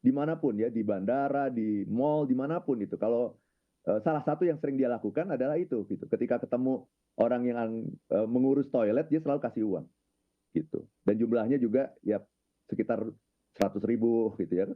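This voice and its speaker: Man telling a personal story slowly, lots of little filler tags, sounds like it's coming through a phone. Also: mid-range voice, phone-quality sound. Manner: unhurried, leans on filler tags at phrase ends. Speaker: guest speaker on his own channel.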